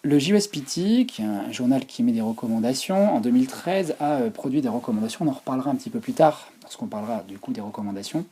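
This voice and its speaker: A man's voice: mid-range voice, lively intonation, fast talker, few pauses, mellow, breathy edge. A man presenting a physiotherapy talk over slides, hesitant, with many fillers and restarts. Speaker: physiotherapy lecturer.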